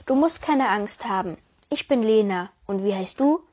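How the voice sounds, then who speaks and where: A woman's voice: mid-range voice, lively intonation, normal speed, a little mellow, natural voice. A woman voicing a curious, friendly young girl in a storybook, full of cheerful questions. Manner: cheerful, inquisitive, giggly. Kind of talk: storybook voice acting.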